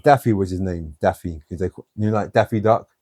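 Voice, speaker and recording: Man, blunt streetwise storyteller, low dark voice. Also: fast talker, breathy edge, no room sound, clean studio sound. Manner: blunt, streetwise storytelling with many "you know"s. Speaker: guest. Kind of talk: telling life stories in an interview.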